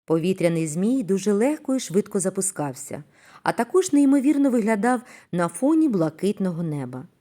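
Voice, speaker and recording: A woman narrating a children's story in a gentle, expressive reading voice. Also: on the low side.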